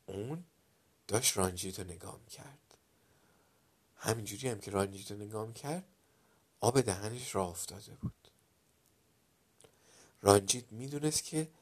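A man narrating a children's story dramatically, dropping to a hush at some moments and getting loud at others. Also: fairly low pitch, husky. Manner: dramatic, loudness swinging from hushed to loud.

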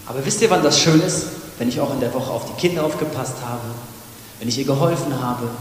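A man with a northern German accent preaches with passion, his fairly high voice pressing hard, then sinking to a near-hush. The sound rings through a long, echoing church hall. A faint hiss sits under the recording. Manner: impassioned preaching that swings between loud urging and hushed, soft passages. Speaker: pastor. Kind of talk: sermon. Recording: echoey reverberant church hall with faint noise.

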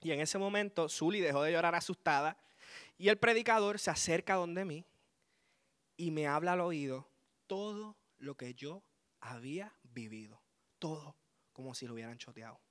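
Man, thirties, church testimony, lively storyteller, somewhat high, tense bright tone. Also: normal speed, smooth. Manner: lively storyteller, chuckles as he talks. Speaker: speaker giving a testimony. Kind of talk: spoken testimony to a congregation.

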